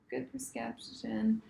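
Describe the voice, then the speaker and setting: A woman's voice: a little high, gravelly. A young woman interviewing a patient in a mock nurse intake, working through checklist questions and answering with a repeated "very nice". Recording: echoey room, faint noise.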